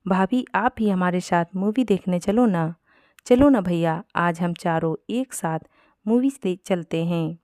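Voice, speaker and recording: A woman's voice: on the low side, unhurried, a little mellow, no room sound, clean studio sound, natural voice. A woman voicing a kind, caring young bride in a Hindi storybook reading, talking in a sweet, fussing way. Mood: coaxing.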